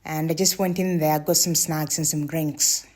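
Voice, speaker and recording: A woman's voice: low-pitched, steady tone, moderate pace, darkish tone. A woman casually narrating her travel vlog in a chatty, candid way, admitting when she is unsure how to say a name. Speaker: travel vlogger.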